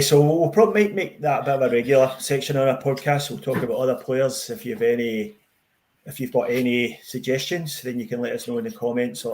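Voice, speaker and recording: A man hosting a fan podcast from a video call. His delivery is relaxed and chatty, with restarts and filler words as he leads the talk. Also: medium pitch. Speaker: podcast host. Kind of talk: casual podcast chat.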